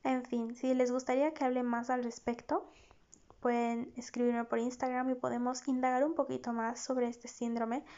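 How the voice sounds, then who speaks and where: A young woman, hosting a self-help podcast as a therapist, speaking in an encouraging way with soft asides. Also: a little high, level tone, moderate pace, dull audio.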